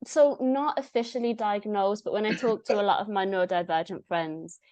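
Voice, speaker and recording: A woman's voice: medium pitch, moderate pace, dry recording. A young woman, chatting as a podcast guest, telling stories animatedly and quoting others. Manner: animated storytelling, quotes herself and others. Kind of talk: casual conversational interview.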